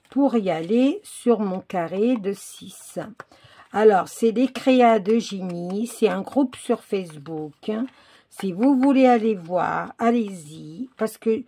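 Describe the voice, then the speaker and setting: A French woman hosts a casual card-making tutorial from home, rambling to herself with lots of fillers and restarts as she works. Her voice is warm and medium-pitched, picked up indoors by a phone or camera aimed at her work table.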